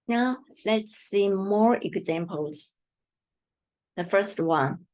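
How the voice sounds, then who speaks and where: A woman with Mandarin as her first language teaching a Chinese lesson in English. She speaks very slowly, at an ordinary pitch for a woman. She patiently repeats each word for her learners. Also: darkish tone. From Taiwan. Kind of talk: slow language lesson explanation.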